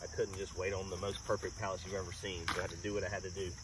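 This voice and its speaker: Male, low register, speaking from the side of his mouth; casual work vlog, distant noisy outdoor mic. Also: little pitch movement, very fast. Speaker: vlogger. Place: outdoor woodyard under pines.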